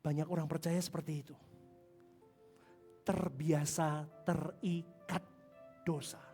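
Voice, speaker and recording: A male pastor preaching a sermon. He swings from hushed asides to shouting and calls the congregation to answer back. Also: a little high, level tone, slow. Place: large church hall. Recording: long hall reverb with music behind.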